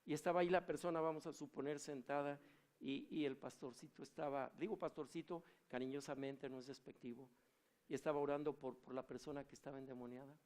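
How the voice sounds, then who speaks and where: Talking fast in a fairly high voice, this pastor delivers a lively sermon full of stories. He keeps turning to the congregation with questions.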